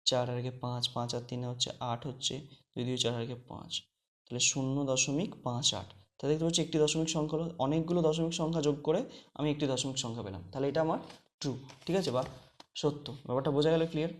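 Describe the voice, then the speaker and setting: A man's voice: medium pitch, fairly even intonation, quick pace. A man teaching a maths lesson online. He explains each step and keeps checking whether the class has understood. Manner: explains step by step, asks the class questions often.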